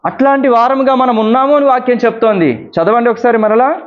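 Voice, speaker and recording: A man's voice: very high voice, fairly quick, muffled recording. A male pastor preaching a sermon, reading scripture lists aloud and explaining them with everyday examples and questions to the congregation.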